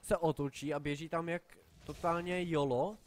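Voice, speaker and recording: A man's voice: on the high side, steady tone, a little hiss or hum. Chatty young Czech man calling his game. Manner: chatty, swears in English, yells in sudden panic. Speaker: gameplay commentator. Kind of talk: live game commentary.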